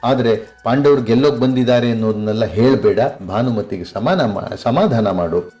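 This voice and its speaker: A man's voice: medium pitch, normal speed, mellow, soft background music, close to an everyday voice. An older man voicing a proud, vengeful warrior king who boasts and vows revenge with rising emphasis. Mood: commanding. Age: 60s.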